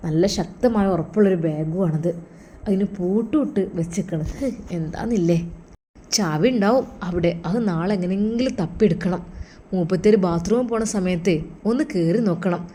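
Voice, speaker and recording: A woman's voice: on the low side, mellow, a little hiss or hum, natural voice. A woman voicing a scheming young daughter-in-law who mutters anxiously to herself in a Malappuram Malayalam accent.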